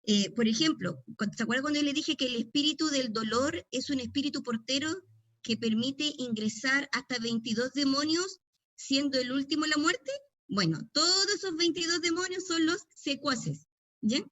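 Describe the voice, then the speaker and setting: High-voiced Chilean woman pastor, dry sound. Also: moderate pace, a bit bright, dry recording. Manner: conversational, storytelling with tag questions. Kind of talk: teaching session on deliverance.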